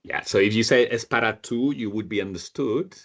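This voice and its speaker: A man's voice: on the low side, fairly quick, a bit bright. A man teaching a Spanish class over a video call, patiently repeating each learner's answer. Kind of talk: online group language lesson.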